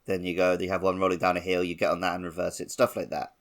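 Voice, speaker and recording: A podcast co-host with a low voice talks fast and in a monotone, chatting casually about a video game and repeatedly correcting himself along the way.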